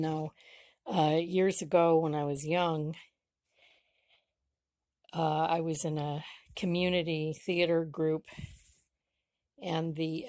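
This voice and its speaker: A middle-aged woman with a low voice chats about her costumes in a relaxed show-and-tell. She rambles a little and restarts her sentences. The sound is dry and close. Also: no room sound. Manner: chatty and rambling, frequent restarts. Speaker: vlogger.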